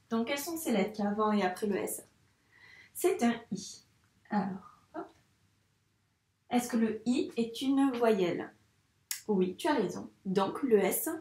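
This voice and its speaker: Patiently teaching young children to read, this primary school teacher speaks slowly and exaggerates each letter sound. Her voice is a little high and a little mellow, reverberant and recorded from a distance.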